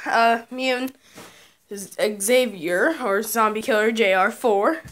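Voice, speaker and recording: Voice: mid-range voice, takes it slowly, fairly bright tone. A vlogger chatting casually to viewers in an informal, unscripted way. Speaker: video creator. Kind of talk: casual vlog chat.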